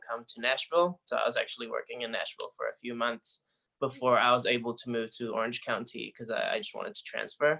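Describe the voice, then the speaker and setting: A podcast guest from the Philippines chats in an easygoing, rambling way during a casual remote interview from his home in quarantine. His mid-range voice is gravelly and bright with a forceful tone.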